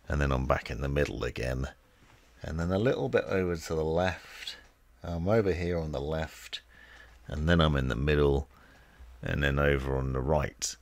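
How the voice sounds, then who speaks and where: Very deep, gravelly male tech reviewer. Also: no echo. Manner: explanatory, demonstrating gear step by step. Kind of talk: casual product review demo. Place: desk setup indoors. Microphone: desk microphone on boom arm.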